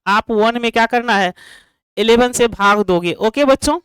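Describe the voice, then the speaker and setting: A woman's voice: on the high side, clear, resonant tone, dry recording, poor audio. A woman teaching a math lesson to students online, repeatedly asking rhetorical questions and answering them herself, and checking in with the class as she goes. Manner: drawn-out, repetitive explanation.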